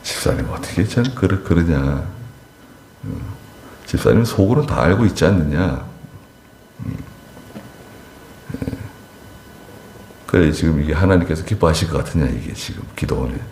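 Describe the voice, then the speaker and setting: A pastor delivering a Wednesday service sermon, telling stories with emphatic rises and quiet asides. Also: male voice, moderate pace, pauses often, a little hiss or hum. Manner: animated storytelling, voice rising sharply for emphasis and falling low for asides. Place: church sanctuary. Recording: echoey church hall.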